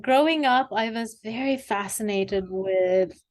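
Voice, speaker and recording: This guest is an executive coach, a woman in her forties originally from Sri Lanka, sharing her story in a conversational interview. Her voice runs a bit high and a little slow, and her storytelling comes across as reflective and warm, sprinkled with fillers.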